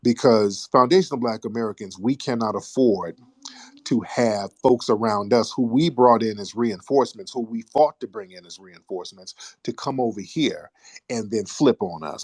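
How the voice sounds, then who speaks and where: A man hosting a call-in talk show, speaking forcefully and preachily, often interrupting his caller. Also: on the low side, breathy edge, dry recording. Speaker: host.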